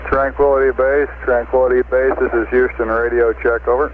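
Give me a man calling over a crackly two-way radio, measured and procedural, with heavy static behind him. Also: medium pitch, little pitch movement. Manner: measured, with frequent "uh" pauses. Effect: heard over a crackly two-way radio link. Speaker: mission control communicator. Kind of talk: clipped radio procedure talk. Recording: noisy phone-like radio transmission.

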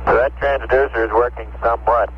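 A man speaking as an astronaut from a spacecraft over a radio link, calm and clipped, with dry humor. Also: mid-range voice, fairly quick. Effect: voice heard over a radio link. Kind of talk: space-to-ground radio exchange. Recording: muffled lo-fi radio with faint hiss.

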